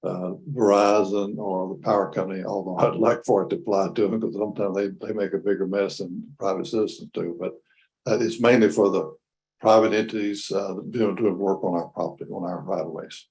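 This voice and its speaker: A man's voice: low-pitched, fairly even intonation, fairly quick, a little mellow, slightly rough, low-quality recording. A man presenting an agenda item at a county meeting, plainspoken and hesitant with frequent fillers. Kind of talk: explaining a policy at a public meeting.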